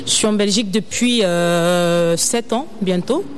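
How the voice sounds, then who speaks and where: A young woman from Ivory Coast, a student designer and activist, answering interview questions earnestly, often pausing with fillers. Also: fairly low pitch. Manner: earnest, hesitant with many fillers.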